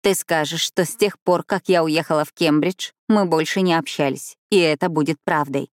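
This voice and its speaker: A woman's voice: low-pitched, normal speed, no room sound, studio quality, close to an everyday voice. A woman voicing a firm, insistent young woman.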